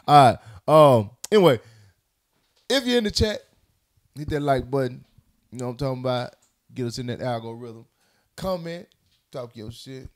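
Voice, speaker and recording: Male podcast host, animated banter, gravelly edge, lots of laughs. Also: medium pitch. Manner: animated, joking, laughs often.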